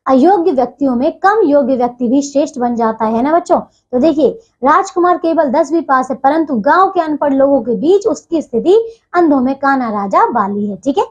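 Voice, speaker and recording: A woman teacher explaining a textbook lesson to children, patiently repeating phrases and checking in often. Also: high voice.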